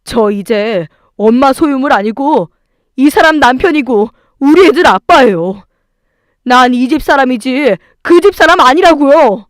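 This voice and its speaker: A woman voicing a furious young husband who shouts at his family to defend his wife in a story reading. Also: high-pitched, expressive, a little slow, no room sound, clean studio sound. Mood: firm. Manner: shouting, indignant.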